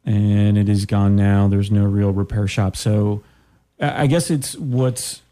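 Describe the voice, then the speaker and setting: A man's voice: lowish voice, fairly even intonation, measured pace, warm tone. A man being interviewed, explaining his hobby in a casual, easygoing way with dry humor. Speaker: interview guest, typewriter hobbyist.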